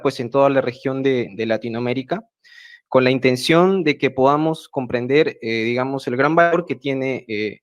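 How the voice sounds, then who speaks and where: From Peru's central Andes, a man with a Peruvian Spanish accent delivers a prepared talk at an online project meeting, calling in by video from home. He speaks in a measured way, filling pauses with hesitant fillers. His voice sits at a middle pitch for a man, picked up by a video call mic.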